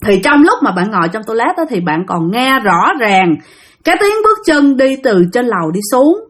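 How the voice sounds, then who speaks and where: A woman narrates a ghost story in a chatty way, speaking straight to her listeners. Her voice sits high and swoops through a wide, lively range. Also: moderate pace. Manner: chatty, addresses listeners directly.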